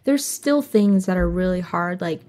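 A young woman from Hawaii, a singer being interviewed, talking openly and earnestly in a casual, soft-spoken way. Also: lowish voice, expressive, a little slow. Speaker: singer guest.

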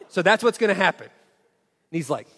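A man in his forties with a high, fairly bright voice tells a story from the stage, unhurried and with big pitch swings. He acts out every line of dialogue expressively, mocking himself as he goes. A long reverb carries his voice through a large hall.

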